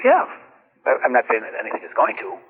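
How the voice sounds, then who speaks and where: A man's voice: mid-range voice, huge pitch swings, fast, husky. A man talking in a rambling, boastful way to his son, heard on a poor old cassette tape of a phone call. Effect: poor-quality old cassette tape of a phone call. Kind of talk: casual phone chat.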